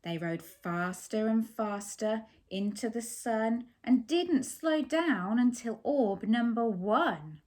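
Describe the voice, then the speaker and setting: Reading a picture book to young children, a woman asks them simple questions and explains things with lots of expression. Her voice is slightly high and darkish, and she goes slowly with barely any pauses.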